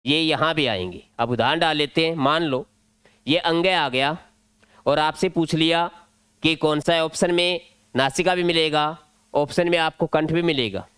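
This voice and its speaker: A man's voice: fairly high pitch, moderate pace, a bit bright, clean tone, no room sound. A male teacher with a Rajasthani Hindi accent, explaining an exam-prep grammar lesson step by step at a board. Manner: step-by-step explaining, drilling points.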